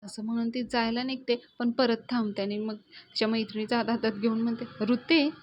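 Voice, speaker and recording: A woman's voice: a little high, level tone, a little fast, muffled recording, slight background noise. A woman hosting a serial recap, retelling an episode in a conversational storytelling way.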